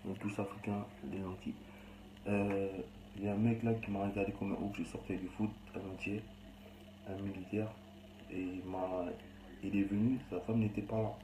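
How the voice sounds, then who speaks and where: A man's voice: on the low side, little pitch movement, normal speed, roomy sound, noisy background. A young man with a Cameroonian accent talks bluntly and rambles in a casual, slangy monologue. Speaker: vlogger.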